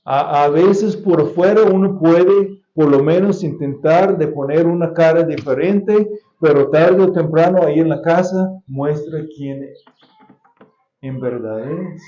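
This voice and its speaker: An American pastor delivers a sermon in a church sanctuary, preaching slowly and carefully with repeated key phrases and occasional restarts. His voice is high-ish but mellow, and the echoey church sound is somewhat dull.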